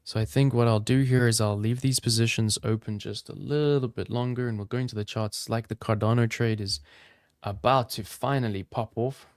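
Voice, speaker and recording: A man's voice: medium pitch, fairly even intonation, moderate pace, no echo, studio quality. Upbeat South African man streaming live. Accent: South African, softened toward American. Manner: upbeat, chatty, addresses chat viewers directly. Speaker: crypto trading livestream host. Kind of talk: casual live-stream commentary.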